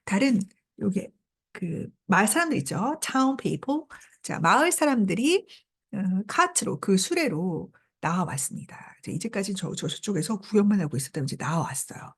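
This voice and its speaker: A woman's voice: mid-range voice, moderate pace, slightly rough. A woman teaching English, reading a novel aloud and explaining it in Korean. She keeps the class along with small prompts as she goes. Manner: lively, repeats prompts such as "자" and "그죠?".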